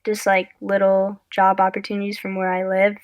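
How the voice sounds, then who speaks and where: A woman's voice: mid-range voice, monotone, normal speed, dry recording. Young woman, podcast guest, chatty, rambling, dry sound. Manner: rambling, chatty, self-interrupting. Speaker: guest, content creator. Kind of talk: casual podcast chat.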